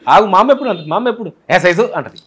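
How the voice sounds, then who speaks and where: A high-voiced man with a Telangana Telugu accent talks quickly and with a lot of movement in his voice. He is a film director in an interview, explaining his choices with examples from village speech. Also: lively intonation, a bit bright, husky. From Telangana, India.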